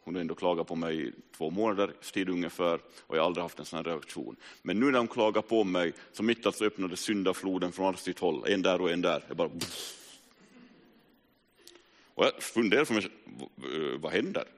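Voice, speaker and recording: A man in his forties preaching a personal testimony sermon, telling his story earnestly with sudden rises and hushed drops. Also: low-pitched, hardly any pauses. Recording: reverberant hall.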